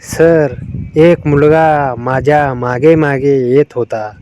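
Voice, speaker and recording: Pert young college girl as a man puts her on, slightly higher, slow and mellow. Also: fairly even intonation, smooth, muffled recording. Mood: cheeky. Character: cheeky young female college student.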